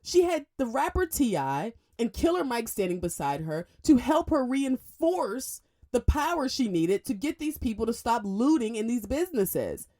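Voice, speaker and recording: Emphatic female radio talk host. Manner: emphatic, lively, fast bursts and sudden pitch jumps. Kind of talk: opinionated radio monologue.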